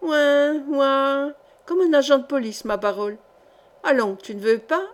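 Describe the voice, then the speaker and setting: A woman's voice: on the high side, animated, fairly quick, lightly acted. A woman voicing a tipsy young woman who teases in a mocking, playful and crude way in a storybook reading. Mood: teasing tipsy. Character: tipsy, teasing young woman, cheeky and giggly.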